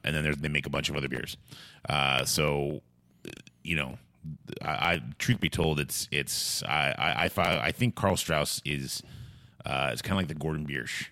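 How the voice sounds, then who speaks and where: A man hosting a podcast in casual talk, rambling and halting as he restarts his phrases. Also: a bass voice, creaky, pushed and bright, no echo, studio quality. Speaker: podcast host.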